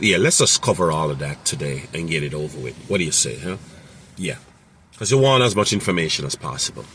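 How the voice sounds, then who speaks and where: A man's voice: low voice, pushed and bright, a little hiss or hum. A man who runs a mobile mechanic business, giving casual, rambling advice with many fillers and repeated phrases.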